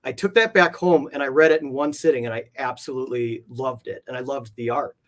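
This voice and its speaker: A comic art collector answers interview questions with loose, wandering anecdotes peppered with informal fillers. He speaks in a mid-range, steady voice with a fairly bright tone and a slightly quick pace.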